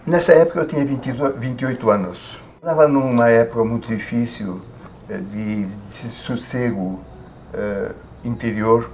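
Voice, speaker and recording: An older man, slowly recalling his past for a documentary, pausing and restarting often. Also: medium pitch, a little mellow, a little hiss or hum, poor audio. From Brazil. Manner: hesitant, many fillers and restarts. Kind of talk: documentary interview, reminiscing.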